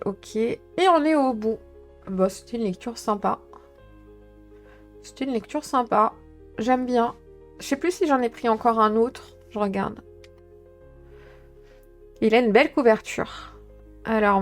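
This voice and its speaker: Streamer, woman, higher pitch, rambling filler-heavy chat, soft music behind. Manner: chatty, thinking aloud with many fillers. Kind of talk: casual live-stream chat about tabletop games.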